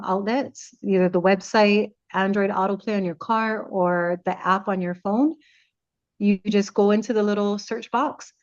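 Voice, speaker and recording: In a casual chat, a female radio host talks in a playful, chatty manner, walking through each step as though guiding a listener. Her voice is mid-pitched for a woman, and the recording sounds slightly dull and lo-fi.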